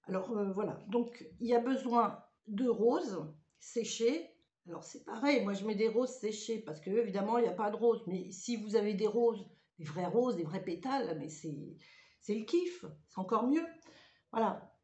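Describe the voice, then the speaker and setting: A woman's voice: medium pitch, moderate pace, a little mellow, dull audio. A woman giving a casual spoken tutorial in a chatty, hesitant way, with frequent fillers. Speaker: ritual practice vlogger. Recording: roomy echoey room.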